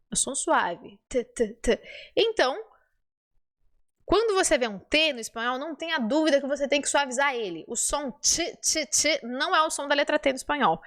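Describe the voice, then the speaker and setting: A woman from southern Brazil with a southern Brazilian accent, teaching pronunciation and repeating sounds and words slowly for the learner. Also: high voice, a bit bright. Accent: southern Brazilian Portuguese. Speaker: Spanish teacher. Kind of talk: pronunciation lesson.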